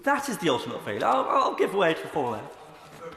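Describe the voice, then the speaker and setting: A man's voice: on the high side, wildly swooping pitch, fairly quick, gravelly, a bit bright. A male member of parliament making a heated, emphatic debate speech, repeating phrases for force. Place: large indoor parliamentary chamber. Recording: echoey debating chamber with long reverb.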